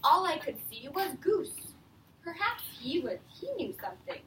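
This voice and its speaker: Reading aloud to young children, a woman teacher speaks a little slowly in a high-pitched, very animated and slightly bright voice. Her explanations are simple, and she frequently prompts the kids with questions. The echoey classroom is recorded through a distant mic, with faint noise behind her.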